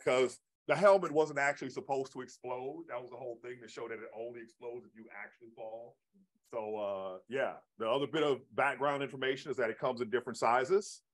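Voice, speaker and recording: A man's voice: medium pitch, steady tone, fairly quick. Man lecturing from far in a roomy hall. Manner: conversational, keeps checking in with "right?". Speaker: astronomy lecturer. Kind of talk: public science lecture. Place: observatory lecture room.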